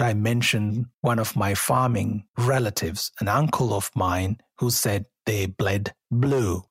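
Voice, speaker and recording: Guy from sri lanka reading his podcast script, slightly husky, dry close sound, mid pitch. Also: dry recording. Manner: measured, reflective storytelling. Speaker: podcast host.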